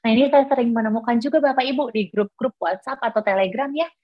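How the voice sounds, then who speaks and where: In a muffled recording, a fast-talking woman with a slightly high voice lectures teachers at a workshop. She works as a teacher trainer and keeps slipping in "nah" and "gitu ya" while explaining.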